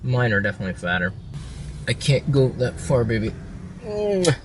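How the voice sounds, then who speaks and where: A man's voice: mid-range voice, sing-song, moderate pace, background noise. A man hosting a casual food vlog, chatty as he describes dishes and teases in playful banter. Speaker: vlogger. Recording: music playing behind.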